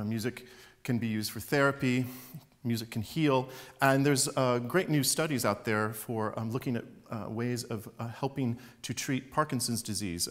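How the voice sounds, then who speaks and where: A middle-aged man with a mid-range voice, an opera professor, gives a public lecture from a concert hall stage. His manner is relaxed and chatty, sprinkled with fillers and small laughs.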